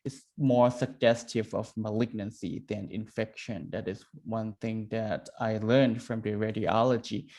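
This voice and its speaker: A man's voice: mid-range voice, darkish tone. A man presenting a medical case on a video call, hesitant, with many fillers. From Thailand.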